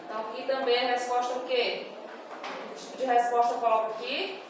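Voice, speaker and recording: A woman talks young pupils through their homework answers, slowly and patiently, stretching out each word. Her voice sits a little high. She is recorded in a very echoey room, some distance from the mic, with a faint hiss. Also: little pitch movement. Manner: slow, patient, reads words out syllable by syllable for young pupils. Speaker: primary school teacher. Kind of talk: recorded homework correction for children.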